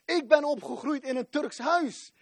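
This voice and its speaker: A man in his forties preaching a fervent sermon, rising to shouts at the climaxes. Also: very high voice, unhurried, dry recording.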